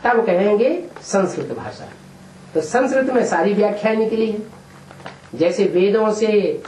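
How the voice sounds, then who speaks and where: A man leads a spiritual question-and-answer session, explaining each point patiently and pausing to ask his listeners "what?" He sits well back from the microphone in a roomy, echoing space, with a faint hiss underneath. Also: high voice, a little mellow. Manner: explains patiently, often checks with a rhetorical "what?". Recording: echoey room, distant mic, faint hiss.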